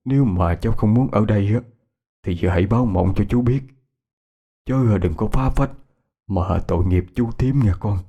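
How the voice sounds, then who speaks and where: Man doing kind village husband, quiet, low, hesitant. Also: normal speed, pauses often, lo-fi sound. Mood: gentle. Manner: soft-spoken, polite, hesitant.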